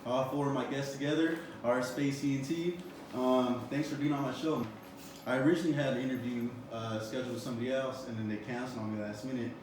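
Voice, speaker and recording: A man's voice: mid-range voice, fairly even intonation, fast talker. A man in his twenties hosting an interview, rambling with lots of "you know" and "um" fillers. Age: 20s. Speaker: interview host. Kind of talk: casual interview. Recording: roomy echo, far from the mic, background noise.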